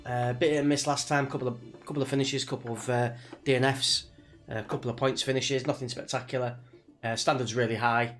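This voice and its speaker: Sniffling from a mild cold, a British live streamer who races in sims rambles easily to his viewers ahead of a race. He speaks at medium pitch with a flat, slightly bright delivery, a little fast, with soft music playing in the background.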